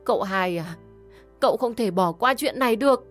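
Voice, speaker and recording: A woman voicing a grieving young woman who wails and accuses, pitched well above her own voice and loud. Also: level tone, normal speed, soft background music, natural voice. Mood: wailing. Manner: wailing, accusing.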